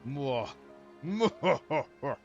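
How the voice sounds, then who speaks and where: A gloating male villain from a video game. He stretches his words slowly with theatrical menace, in a higher, widely swooping voice over music. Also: animated, lo-fi sound, exaggerated voice. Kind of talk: cartoonish video game dialogue acting.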